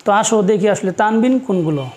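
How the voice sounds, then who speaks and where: A patient Quran teacher, a man, walks his students through a classroom lesson. He talks slowly, spells each letter aloud and repeats every rule so it sticks. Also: high voice, a little mellow, husky.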